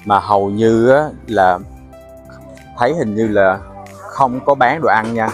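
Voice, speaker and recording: A man's voice: lowish voice, measured pace, faint music behind. A man narrating a casual travel vlog, chatting to viewers as he walks through a crowded night market. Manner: chatty, explains to viewers with fillers. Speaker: travel vlogger.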